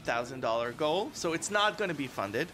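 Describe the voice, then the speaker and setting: A man's voice: medium pitch, animated, normal speed, sharp tone, soft background music. A man on a news channel chatting about films, sarcastic, with many fillers. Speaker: culture correspondent. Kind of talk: casual news chat.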